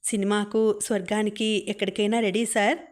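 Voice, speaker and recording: A fond, teasing young husband from an audiobook novel, as a woman narrator reads him. He talks in a playful, gently persuasive way, with little rise and fall in pitch. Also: flat delivery, moderate pace, lightly acted. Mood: warm, teasing.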